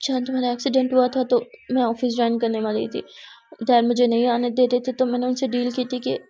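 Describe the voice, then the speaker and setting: A calm young teacher gently reassures her upset partner in a storybook tale, voiced by a woman. Her voice is high with a gravelly fry and a mellow, darker tone. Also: a little fast. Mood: explaining. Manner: soothing, patient.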